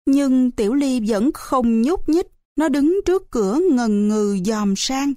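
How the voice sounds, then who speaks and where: A woman narrating an audiobook in the first person, in a measured, unhurried way. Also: high-pitched, animated, mellow, no room sound, studio quality. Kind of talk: storybook reading.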